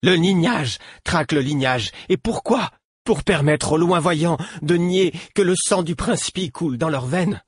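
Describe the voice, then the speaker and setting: A frightened young archer, voiced by a man, his shrill voice quavering as he hurls defiant accusations at his captor. The voice sits far above the reader's own low register and keeps climbing in pitch. It sounds like a storybook audiobook recorded in a dry booth. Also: lively intonation, measured pace, breathy edge, dry recording. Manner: accusing, pressing questions.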